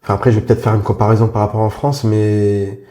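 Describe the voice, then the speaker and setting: Speaking quickly in a warm, level tone with a lowish pitch, this forties-aged man from Congo is a guest on a podcast, casually discussing his life. His informal delivery hesitates often, full of restarts and filler words, and the room echoes over soft background music.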